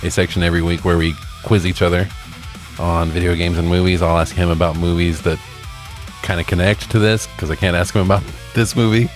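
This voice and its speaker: Over guitar music, a male co-host with a low-pitched, level voice talks briskly in a casual quiz-style chat about movies and games. He jokes around and swears informally.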